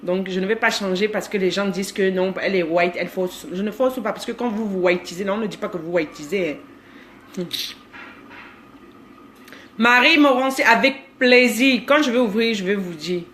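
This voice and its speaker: Reading through comments on her live stream, a woman in her thirties with a Cameroonian accent greets viewers by name and teases them in casual chat. Her pitch is medium, her speed normal, and her tone fairly bright.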